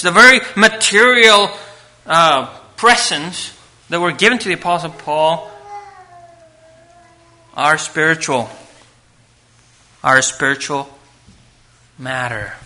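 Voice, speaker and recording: A male preacher delivers a sermon from the pulpit in a very bright, forceful voice. He takes his time, stretching key words and putting questions to the congregation as he works through scripture. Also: sits high, lively intonation. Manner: emphatic, with rhetorical questions and drawn-out words.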